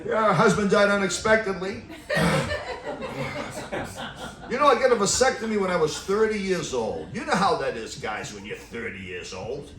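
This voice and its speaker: Stand-up comic, middle-aged man, high bouncy voice, deadpan one-liners, roomy club sound from back of the room. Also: fairly quick, hardly any pauses, recorded from a distance, crowd noise. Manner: deadpan one-liners, laughs at own jokes. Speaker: stand-up comedian. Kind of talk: stand-up comedy set. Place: comedy club stage with live audience. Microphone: stand mic away from mouth.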